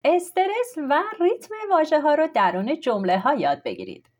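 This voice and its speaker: A woman reading a scripted language lesson, explaining with clear, steady delivery. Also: high voice. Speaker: language teacher.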